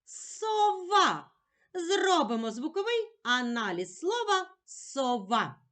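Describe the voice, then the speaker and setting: A woman teaching a slow lesson for young children, sounding out words patiently. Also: fairly high pitch, big pitch swings, a bit bright.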